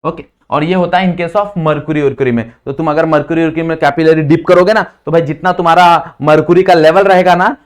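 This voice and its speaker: A man teaching physics in a lecture style with a slight lisp, who keeps quizzing students with quick questions and calls them brother. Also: fairly high pitch, fairly even intonation, smooth. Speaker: physics tutor. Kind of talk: classroom lecture mixing Hindi and English.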